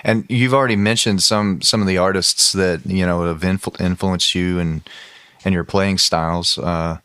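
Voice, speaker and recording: A man's voice: deep voice, fairly even intonation, moderate pace, fairly bright tone, clear, resonant tone, no room sound. A man interviewing a musician on a podcast, asking questions hesitantly with lots of um and you know.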